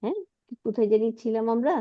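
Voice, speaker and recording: Teaching Arabic grammar in a slightly high voice with lively intonation and a quick pace, this woman breaks things down step by step. Rhetorical questions come often as she checks that students are keeping up, all in dull lo-fi sound.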